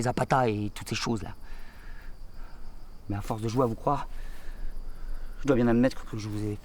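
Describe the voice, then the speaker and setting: An actor playing a loyal, exasperated squire in a theatrical, declamatory, hammy stage manner. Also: male voice, medium pitch, a little hiss or hum, lightly acted. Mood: reproachful. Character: loyal, exasperated squire Sancho, pleading with his master. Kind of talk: theatrical stage dialogue in French.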